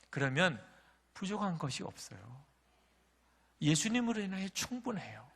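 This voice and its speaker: A man's voice: fairly high pitch, fairly bright tone. Impassioned male pastor preaching in a reverberant hall. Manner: impassioned preaching, voices prayers and God's questions with rising intensity. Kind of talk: sermon.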